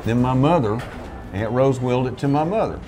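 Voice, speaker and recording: An older man who owns a small restaurant, telling its history in a relaxed, folksy way with many restarts, seated at a table in a back room. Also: mid-range voice, brisk, noisy background. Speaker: restaurant owner. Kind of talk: relaxed storytelling interview. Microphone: seated at a table, camera in front.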